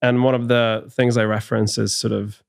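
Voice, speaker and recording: With a gravelly voice at medium pitch, flat delivery and normal speed, a Hungarian-accented HR executive in his thirties guests on a studio podcast interview. He speaks thoughtfully, frequently restarting and filling pauses, in a recording with no echo.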